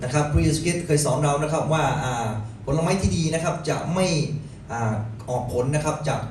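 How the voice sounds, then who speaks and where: A man's voice: fairly high pitch, brisk, darkish tone. A man interpreting a sermon phrase by phrase for a congregation, addressing them politely and often. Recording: very echoey hall, distant, noisy.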